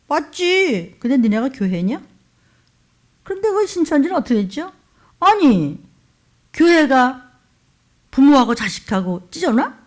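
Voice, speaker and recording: A woman pastor preaching a fiery sermon, scolding her listeners with sharp rhetorical questions. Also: high voice.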